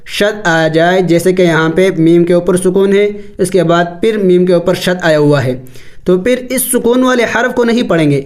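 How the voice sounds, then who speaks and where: A man teaching Quran recitation with tajweed, spelling letters and vowels slowly, then explaining the rules quickly. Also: sits high.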